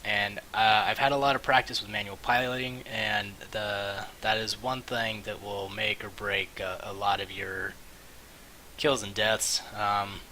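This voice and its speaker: A man giving casual, rambling and halting commentary on a game stream, with mouse clicking behind him. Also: lowish voice, little pitch movement, bright, forceful tone, low-quality recording. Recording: hissy mic, faint background noise.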